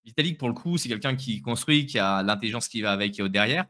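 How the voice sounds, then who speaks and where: A man's voice: medium pitch, expressive, fast talker, bright, forceful tone. A man co-hosting a live crypto stream, giving his opinions in casual chat with frequent restarts and repeated words.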